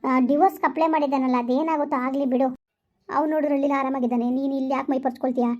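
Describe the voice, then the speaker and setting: A woman's voice: high-pitched, fairly even intonation, very fast, a little mellow, natural voice. A woman acting as a concerned friend who gives advice in a village family drama, talking persuasively. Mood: persuading. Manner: persuading, advising. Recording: dull lo-fi recording.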